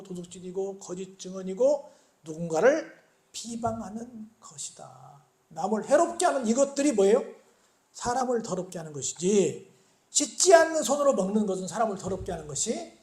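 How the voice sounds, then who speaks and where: A male pastor delivers a sermon in a high-pitched voice. He keeps asking the congregation questions, answers them himself, and voices the figures of the story as he goes. The sound is roomy, with the echo of a church sanctuary. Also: mellow. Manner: acts out the biblical speakers in quoted lines.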